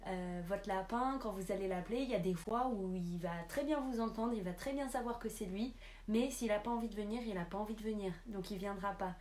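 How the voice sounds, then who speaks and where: A woman's voice: mid-range voice, a little fast, darkish tone. A young woman making a casual vlog tutorial, chatting with lots of hesitant fillers. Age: young adult. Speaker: pet vlogger.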